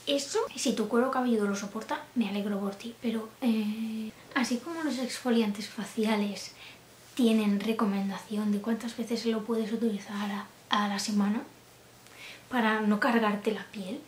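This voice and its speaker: Giggly young woman w/ chatting to camera, soft asides, faint hiss in a roomy space. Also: medium pitch, steady tone, normal speed. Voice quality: laughs often, drops into soft asides. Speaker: vlogger. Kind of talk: casual chat to camera.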